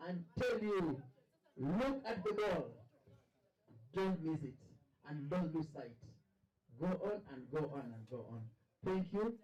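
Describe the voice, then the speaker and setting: A man's voice: sits high, dark tone. A man with a Kenyan accent giving an earnest, repetitive congratulatory speech at a party. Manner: earnest, repetitive, ends with a blessing. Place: party venue. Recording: echoey room.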